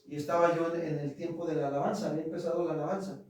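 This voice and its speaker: A man's voice: a little high, level tone, rapid-fire, darkish tone, slight background noise. A male pastor with a Mexican accent, preaching conversationally and asking the congregation rhetorical questions. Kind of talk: sermon. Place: church hall. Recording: very echoey hall, far from mic.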